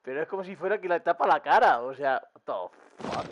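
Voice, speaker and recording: A man's voice: fairly high pitch, animated, quick pace, highs cut off, a little hiss or hum. A man commenting casually on a game he is playing, joking and laughing. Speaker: gaming streamer.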